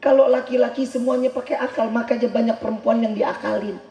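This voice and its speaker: A man giving a humorous sermon, firing rhetorical questions at the crowd and now and then breaking into shouts for emphasis. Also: very high-pitched, steady tone, fairly quick, creaky. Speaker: preacher. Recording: echoey live venue.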